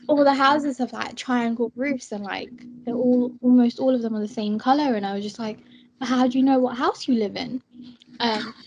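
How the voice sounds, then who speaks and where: Indoors in a student union room, a young student union president from Bangladesh snacks and tells her story in a casual chat, laughing frequently. Her voice is a little high, with background noise in the clip.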